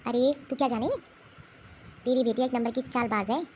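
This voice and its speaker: A woman voicing a sharp-tongued, scornful older grandmother in a cartoon who taunts her granddaughters. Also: fairly high pitch, fairly even intonation, moderate pace, a little hiss or hum, natural voice. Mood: scolding. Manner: scolding, taunting. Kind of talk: cartoon voice acting.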